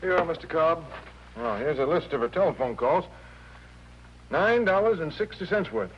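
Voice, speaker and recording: An actor playing a brisk, cynical male hotel clerk with a wry, matter-of-fact manner in a 1950s TV drama. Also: fairly high pitch, lively intonation, slightly rough. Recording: dull lo-fi 1950s TV soundtrack with faint hum.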